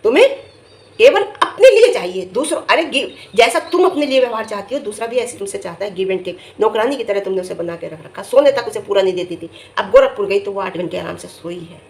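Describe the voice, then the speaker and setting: A middle-aged woman giving casual vlog commentary, emphatic and scolding, her voice jumping high when she gets indignant. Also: expressive, a little fast, creaky. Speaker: vlogger reviewing family vlogs. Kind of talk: casual talking-head commentary.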